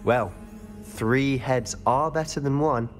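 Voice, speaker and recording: An actor playing a teasing, sardonic young wizard student in video game dialogue. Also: male voice, mid-range voice, takes it slowly, lightly acted. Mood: wry. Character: young male wizard student, wry and restless. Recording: game audio with loud music.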